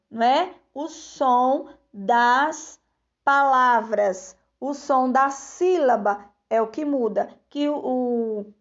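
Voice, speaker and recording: Woman teacher for kids' lesson, slow and patient, gravelly higher voice, dull lo-fi sound. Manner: slow, patient, drawn-out word reading. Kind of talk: recorded lesson for children. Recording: dull lo-fi recording.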